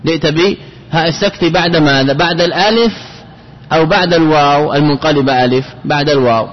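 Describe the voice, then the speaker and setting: A man with a slightly raised, slightly high voice talks fast through a classroom lecture on Arabic grammar. He asks rhetorical questions and restates key phrases again and again. The audio is dull and lo-fi with a long hall echo.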